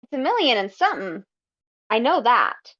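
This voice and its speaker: Thoughtful woman guest chatting about her writing, relaxed and unhurried, muffled lo-fi audio. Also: a little high. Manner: unhurried, thoughtful, frequent ums. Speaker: guest fanfiction writer. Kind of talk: casual podcast interview. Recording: slightly dull lo-fi audio.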